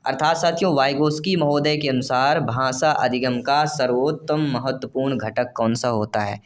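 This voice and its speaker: Male exam coach, mid-pitched, reads questions slowly and explains them plainly to his students. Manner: addresses viewers warmly as dear friends and fellow teachers. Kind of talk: online exam-prep lesson.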